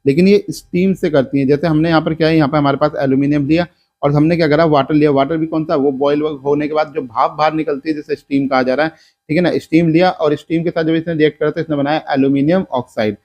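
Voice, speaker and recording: A man's voice: on the high side, steady tone, fast, a little mellow. A male science teacher from India giving a lecture, asking and answering his own questions step by step. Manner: explains step by step, asks and answers his own questions, mixes in English terms. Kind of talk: classroom lecture.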